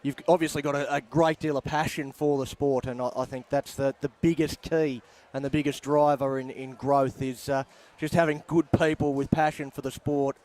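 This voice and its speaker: A man with an Australian accent calling a football game outdoors, measured and wry, with plenty of pauses. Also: medium pitch, level tone, a little mellow. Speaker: play-by-play commentator. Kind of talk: sports commentary wrap-up. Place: outdoor sports ground.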